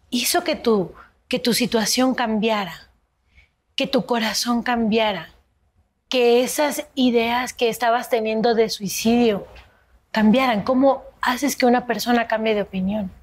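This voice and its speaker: Female TV host, somewhat high voice, gentle measured questions, studio interview. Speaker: TV show host.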